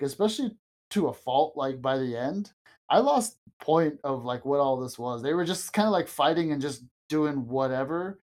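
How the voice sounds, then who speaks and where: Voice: mid-range voice, darkish tone. Co-host recording inside a small closet, casual rambling wrestling recap, loose and chatty. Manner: loose and rambling, with frequent fillers and laughs. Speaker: podcast co-host. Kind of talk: casual wrestling show review chat.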